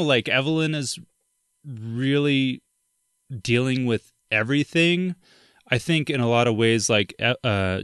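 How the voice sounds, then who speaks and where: A man's voice: mid-range voice, fairly bright tone, clear, resonant tone, no echo, studio quality. A young man co-hosting a podcast, chatting casually about a film, with lots of "like" and "dude" and frequent laughs. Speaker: podcast co-host. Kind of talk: casual film discussion chat.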